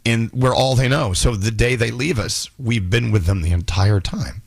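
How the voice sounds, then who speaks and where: A man hosting a morning radio show in a studio, talking in a halting, emotional way with many restarts. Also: mid-range voice, vocal fry, husky, no room sound. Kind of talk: casual morning radio chat. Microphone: studio microphone.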